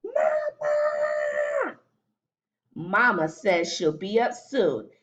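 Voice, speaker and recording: A woman teacher reading a picture book aloud to children, animated and stopping often to ask them questions. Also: on the low side, takes it slowly. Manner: animated, asks children questions as she reads. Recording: dull lo-fi recording.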